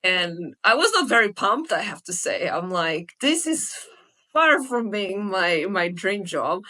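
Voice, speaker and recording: A young woman from Portugal, a sales hiring expert, telling her story in a lively, conversational interview with many fillers. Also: medium pitch, measured pace. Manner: lively storytelling with frequent fillers and self-corrections.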